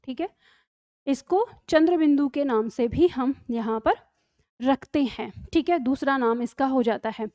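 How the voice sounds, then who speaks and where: A woman's voice: high-pitched, unhurried, dark tone, no room sound, lo-fi sound. A woman teaching an online grammar lesson, explaining step by step and checking in often with her students. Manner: explanatory, checks in with repeated "ठीक है".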